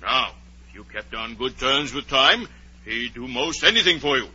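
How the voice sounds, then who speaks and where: An actor playing a mad, touchy, fussy Hatter in a theatrical, blustering 1940s radio drama style. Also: male voice, mid-range voice, lively intonation, normal speed, sharp tone, slightly rough, exaggerated voice. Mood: lecturing. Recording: muffled old 1940s radio recording.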